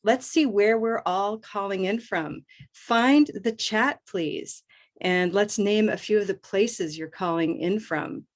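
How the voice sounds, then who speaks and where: An upbeat American woman hosting a live online English pronunciation lesson and repeating words slowly for learners. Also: medium pitch. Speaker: host and English pronunciation teacher.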